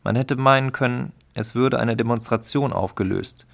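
A man's voice: mid-range voice, normal speed, creaky. A man narrating a story in a dry, wry reading style. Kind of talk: audiobook reading.

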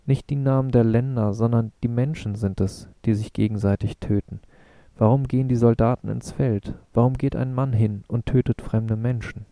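A man's voice: mid-range voice, steady tone, normal speed, warm tone, no echo, close to an everyday voice. A man reading Schewek, a brooding moon man. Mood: puzzled.

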